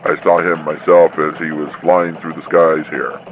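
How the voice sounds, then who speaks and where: A man's voice: rumbling low, flat delivery, moderate pace. A man playing a matter-of-fact Christmas elf correspondent, calling in a scripted radio report over a phone-like line. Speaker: field correspondent. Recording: tinny phone-like radio line, faint noise.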